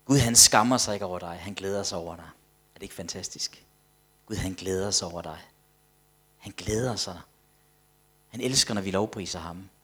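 A man preaching a sermon with emphatic delivery, swinging between loud declarations and hushed asides, often repeating words as he builds a point. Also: sits low, long pauses, breathy edge.

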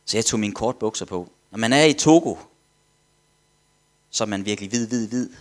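A man preaching, telling a story animatedly, acting out quotes and dropping to whispers. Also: on the low side. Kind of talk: sermon testimony storytelling.

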